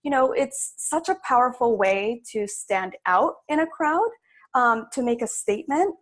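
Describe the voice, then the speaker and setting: A woman's voice: fairly high pitch, animated, measured pace. A young adult woman from Sudan, a stylist guest, talking chattily in a casual interview with many fillers.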